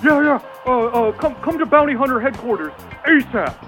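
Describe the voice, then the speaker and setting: Tiny bossy pixie, very high-pitched, excitable, urgent, tabletop fantasy, music behind. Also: male voice, normal speed. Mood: bossy, hurried. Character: tiny excitable fairy voice inside a hero's head. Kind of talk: in-character tabletop role-play.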